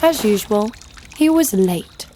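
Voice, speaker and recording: In a scripted audio drama, a woman plays a fearless, sardonic bounty hunter, narrating her own story with dry, snarky wryness. Her medium-pitched voice is mellow and expressive, taking things slowly. Music runs under her voice, with slight background noise.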